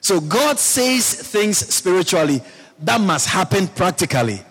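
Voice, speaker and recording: Male pastor, slightly high voice, preaching in a conversational, questioning way, with long church-hall reverb. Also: very animated, measured pace, fairly bright tone, slightly rough. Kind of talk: sermon.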